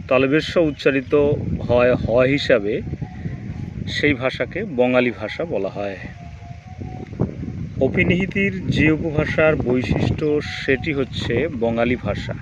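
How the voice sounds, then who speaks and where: Male teacher, quiz-style exam review, dull lo-fi sound with faint noise behind. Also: medium pitch. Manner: reads each question then its answer, steady drilling rhythm.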